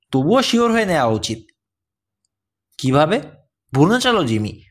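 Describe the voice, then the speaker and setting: A man narrating an adventure story, reading every character's lines in his own voice. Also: on the high side. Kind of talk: scripted audiobook narration.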